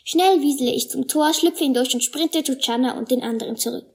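A woman with a high, light voice reads a storybook aloud. She shifts into lively voices for the animal characters as she goes. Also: a little fast. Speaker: narrator.

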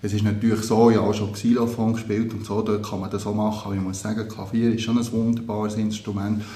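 A man's voice: lowish voice, flat delivery, fast, warm tone. A man, a percussion teacher answering interview questions earnestly and thoughtfully, with small hesitations. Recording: roomy echo.

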